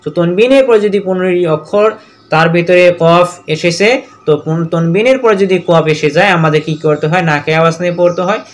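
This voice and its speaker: A man leads a Quran reading lesson. He spells out every letter and vowel mark one by one, then recites each verse in a slow, drawn-out way. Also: high voice.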